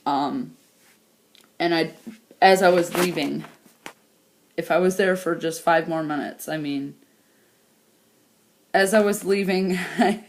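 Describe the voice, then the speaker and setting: A woman's voice: lowish voice, slow pace, long pauses. Young woman laughing through tears. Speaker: vlogger. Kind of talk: emotional personal vlog update.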